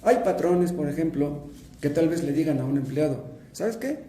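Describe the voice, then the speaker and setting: Mexican pastor preaching, high voice, kinda dark and mellow, echoey church room, faint hum behind. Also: male voice, steady tone, moderate pace. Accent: Mexican Spanish. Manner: teaching, asks and answers his own questions. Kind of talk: sermon.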